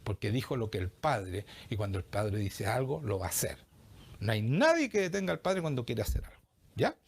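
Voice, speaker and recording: A man with a Chilean accent preaching a sermon, animated and often asking the congregation questions. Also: mid-range voice, fairly quick, vocal fry, breathy edge. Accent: Chilean Spanish. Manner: animated, acts out quoted voices, asks the congregation questions.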